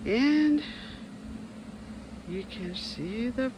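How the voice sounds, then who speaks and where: A man in his fifties narrating a casual travel vlog in a fairly high voice, chatty and plain-spoken, often pausing on ums and starting sentences over. He talks outdoors, and the recording carries a clear layer of background noise. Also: lively intonation, highs cut off. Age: 50s. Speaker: travel vlogger. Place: outdoors at a lighthouse.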